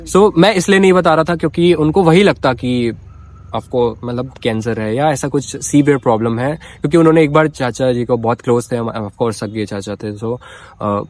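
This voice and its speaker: A young adult man telling a casual storytime vlog, animated and rambling, with many fillers and restarts. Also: medium pitch, normal speed. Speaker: vlogger.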